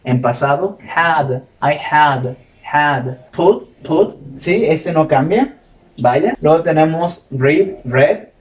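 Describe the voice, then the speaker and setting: A man teaching a classroom grammar lesson, who quizzes his students and repeats example words slowly. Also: on the high side. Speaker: English teacher. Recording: echoey room, mic far off.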